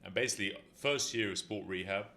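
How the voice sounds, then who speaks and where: A fairly quick, sharp-toned man with a lowish voice hosts a fitness talk show. An injury rehab specialist, he explains things in loose, rambling chat, leaning heavily on "you know."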